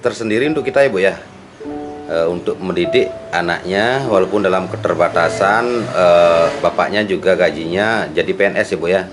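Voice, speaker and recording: Deep-voiced male interviewer with music. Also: moderate pace. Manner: affirming, tag questions, many fillers. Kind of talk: casual interview. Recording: clear music playing behind.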